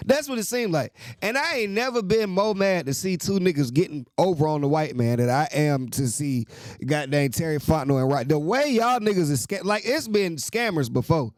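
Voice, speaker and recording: Animated, profane man ranting about sports. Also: normal speed, no room sound. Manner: profane, exasperated ranting with swings in pitch. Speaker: host. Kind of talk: casual sports rant.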